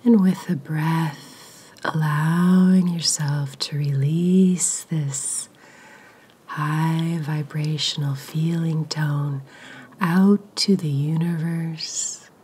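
A woman whispering a slow guided meditation, breathy and soothing, with long soft pauses. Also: sits low, steady tone.

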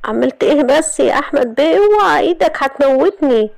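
A woman's voice: sits high, expressive, quick pace, gravelly, darkish tone, no echo, pitched above the performer's own voice. A woman voicing a sly, cowardly man with an Egyptian accent, whining and pleading. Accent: Egyptian Arabic. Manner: whiny, pleading. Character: sly, cowardly male schemer.

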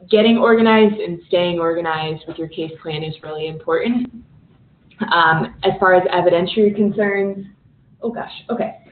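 A woman presenting a legal training session as an attorney, explaining steps with frequent fillers and hurrying near the end. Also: fairly low pitch. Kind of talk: recorded training webinar presentation. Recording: phone-line audio, echoey room.

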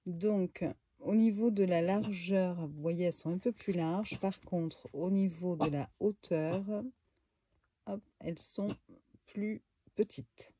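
Mellow-voiced woman chatting through a deck review. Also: lowish voice, slow, slightly rough. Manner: relaxed, chatty, full of fillers and asides. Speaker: tarot card reviewer. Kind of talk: casual deck review vlog. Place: room at home.

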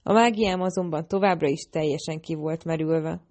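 Audiobook narrator, woman, slightly low voice, steady first-person fantasy reading.

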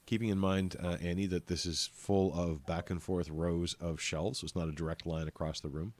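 A man's voice: low-pitched, level tone, moderate pace. A man narrating a tabletop game as game master, describing scenes with frequent ums and uhs.

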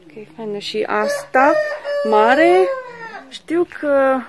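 A woman's voice: sits high, animated, heavy background noise. A woman filming a casual walking vlog in a village garden on a phone, exclaiming often and talking to her viewers. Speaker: vlogger.

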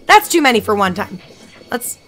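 Chatty woman streamer, excitable. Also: fairly high pitch, normal speed. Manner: chatty, excitable, thinks out loud. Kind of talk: live gameplay commentary.

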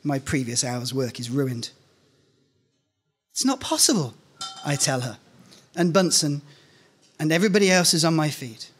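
A middle-aged man reads a scripted first-person short story aloud on an indoor stage at a live reading event, speaking into a stand microphone close in front of him. His voice sits on the high side and is very animated and slightly rough. He keeps a moderate pace and pauses often.

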